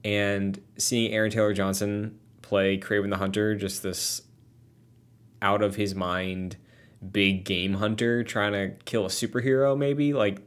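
A young man with a fairly low voice co-hosting a casual talk podcast. He chats easily and wryly, chuckling as he goes. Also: little pitch movement, a little slow, clean tone. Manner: chatty and wry, often laughing. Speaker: podcast co-host. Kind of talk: casual chat.

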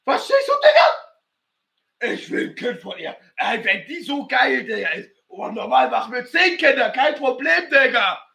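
A frantic young fan, shrill and squeaky, swings wildly up and down while he yells slang at the top of his lungs. He sounds gravelly, with a sharp, piercing edge, cracking under the donations in a livestream comedy sketch. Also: big pitch swings, measured pace, heavily acted. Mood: giddy. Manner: shouting slang, repeats "Digga" constantly. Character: hysterical young male fan overwhelmed by donations.

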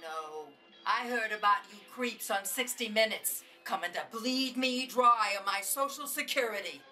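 An actress playing a forgetful, wistful older grandmother in a horror-comedy film, talking in a dreamy, drawn-out way. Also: fairly high pitch, expressive, pushed and bright, recorded from a distance, soft background music. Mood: suspicious. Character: forgetful, wistful grandmother missing her husband. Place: living room, indoors.

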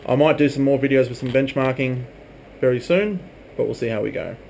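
A video blogger in his twenties chats casually through a hands-on narration, filmed with a handheld camera inside a small room at home. His mid-range voice is brisk, creaky and darkish in tone, and his manner stays informal and chatty. The recording carries faint background noise.

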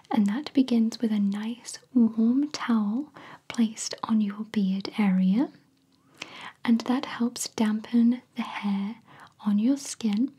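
A woman whispering gently as a spa therapist, her voice airy and breathy all the way through. She speaks slowly and soothingly, a touch higher in pitch, with a mellow, soft edge to every word. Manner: soft, soothing, slow and attentive. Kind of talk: whispered ASMR roleplay.

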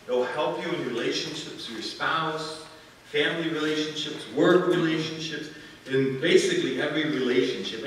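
A man's voice: on the high side, a little hiss or hum. An older man preaching a sermon as a guest speaker, telling folksy stories with frequent restarts. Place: church sanctuary. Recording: distant echoey church hall.

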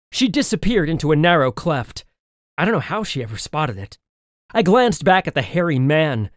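Male audiobook narrator, fairly high and very animated, dry studio sound. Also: no room sound. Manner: expressive, lively storytelling. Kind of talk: first-person audiobook narration.

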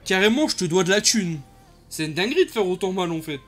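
A young man, giving casual commentary over his own gameplay and reacting loudly to what happens on screen. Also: sits high, quick pace. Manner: excitable, slangy, reacts loudly to the game. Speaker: gaming YouTuber. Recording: faint music behind.

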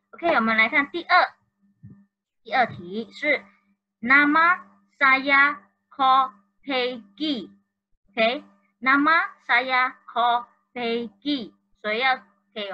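A woman's voice: high voice, highs cut off. A woman teaching an online primary school class in Malaysian Mandarin, mixing in Malay and English words and coaxing the pupils along. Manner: encouraging, coaxing. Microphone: video call.

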